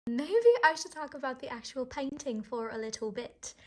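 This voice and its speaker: A woman's voice: high-pitched, normal speed, loud music behind the voice. A young adult woman giving a casual, humorous voice-over as a hobby painter and vlogger, rambling in a wry, tongue-in-cheek, mock-dramatic way.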